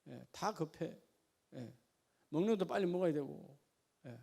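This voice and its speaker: High-voiced Korean pastor preaching to a congregation. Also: male voice, lively intonation, normal speed, vocal fry, slightly rough. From Gyeongsang region of Korea. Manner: folksy preaching with questions to the congregation, dropping to a quiet aside. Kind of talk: sermon.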